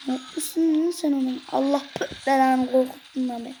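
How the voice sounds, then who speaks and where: A gaming video creator giving excitable gameplay commentary, cursing and joking at the game characters. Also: sits high, normal speed, a little hiss or hum.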